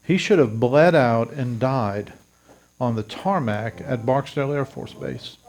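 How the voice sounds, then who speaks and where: This pastor, a man in his fifties from South Louisiana, USA, preaches a testimony sermon as earnest storytelling aimed straight at the people in the pews. His unhurried, darkish voice has a gravelly edge and sits at an ordinary male pitch.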